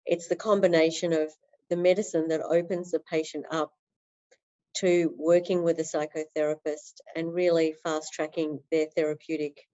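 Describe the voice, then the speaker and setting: Low, mellow-voiced woman. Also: little pitch movement, moderate pace, muffled recording. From Australia. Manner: earnest, flowing, with many fillers. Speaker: podcast guest. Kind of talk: interview conversation.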